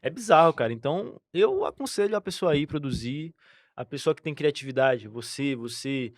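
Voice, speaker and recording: A young Brazilian man with a Brazilian Portuguese accent co-hosts a music podcast as a singer and lyricist, chatting casually about songwriting in a laid-back, slangy way. His voice is a little high and animated, at normal speed, in a dry recording.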